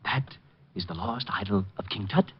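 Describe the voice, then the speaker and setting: In a 1950s radio drama heard on a muffled old recording with music, an actor plays a client, a jumpy, frightened little man in a nightshirt who is nervous, excitable, and earnest. His voice is husky and on the low side, at a normal speed.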